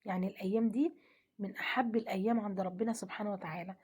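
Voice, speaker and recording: A woman with an Egyptian accent giving a gentle devotional talk, often dropping to a half-whisper. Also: medium pitch, fairly even intonation, rapid-fire, slightly rough. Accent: Egyptian Arabic. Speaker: religious speaker.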